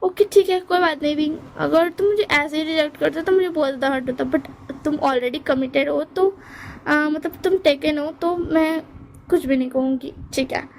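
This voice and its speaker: A woman voicing a lovelorn young female office worker who speaks hesitantly, in halting phrases. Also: high-pitched, creaky, a little hiss or hum.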